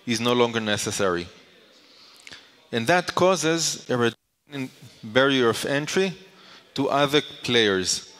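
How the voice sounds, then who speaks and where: In a large conference hall with long reverberation, a man presents to an audience. He has a medium-pitched, slightly bright voice and explains things by posing a question, then answering it.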